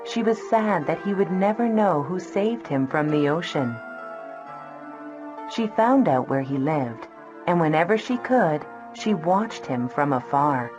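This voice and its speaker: A woman narrating a children's storybook in a slow, gentle, clear reading. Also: on the low side. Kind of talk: scripted storybook narration for kids. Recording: dull lo-fi with soft music.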